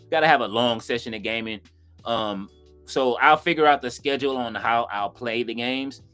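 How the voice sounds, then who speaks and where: Chatty man hosting a stream. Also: mid-range voice. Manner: loose and chatty, fillers like "you know what I'm saying"; bursts of excited reaction. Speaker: watch-along stream host. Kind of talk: casual live-stream chat, reading viewer comments.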